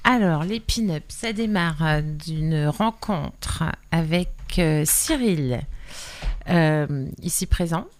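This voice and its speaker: Slow-talking woman guest on radio. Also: deep voice. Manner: relaxed, many fillers. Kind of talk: casual interview.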